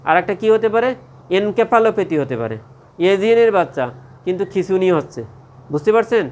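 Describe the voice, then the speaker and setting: A man's voice: sits high, lively intonation, a little fast, darkish tone. A man giving a medical lecture to a class. He asks questions and answers them himself, and keeps checking that the class follows.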